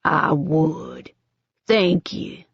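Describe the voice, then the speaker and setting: Old Southern gentleman voiced by a woman, refined, slow, soft R's, old Southern accent, dull dry audiobook sound. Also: deep voice, husky, no room sound, exaggerated voice. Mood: courteous. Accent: old Southern American.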